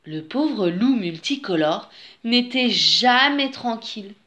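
A woman reading a children's picture book aloud in an expressive storyteller manner. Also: fairly high pitch, lo-fi sound. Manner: slow, expressive read-aloud.

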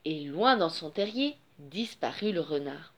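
A woman reading a picture book aloud as the narrator, in hushed, dramatic tones. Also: low-pitched, expressive, measured pace. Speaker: storyteller.

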